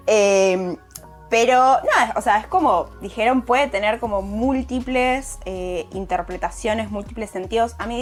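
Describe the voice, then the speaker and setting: A young woman with an Argentine accent, speaking as a guest poet in a relaxed conversation and pausing often to find her words. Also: medium pitch. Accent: Argentine Spanish. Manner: thoughtful, hesitant, many fillers. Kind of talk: casual conversation.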